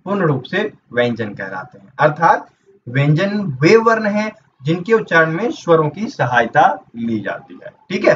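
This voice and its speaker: A man's voice: a little high, a bit bright. A man teaching a grammar lesson for exam preparation. He explains step by step and asks questions that he then answers himself. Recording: dull distant mic with faint noise.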